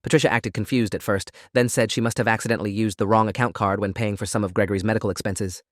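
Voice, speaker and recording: Fast-reading low-voiced man, dry and close. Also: steady tone, dry recording. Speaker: narrator. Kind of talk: scripted first-person story narration.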